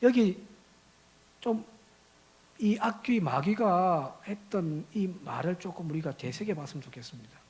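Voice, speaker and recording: A male pastor preaching a Sunday sermon in a church sanctuary, driving his points home with rhetorical questions and swinging from quiet asides to loud, rising exhortation. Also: high voice, lively intonation, a little slow.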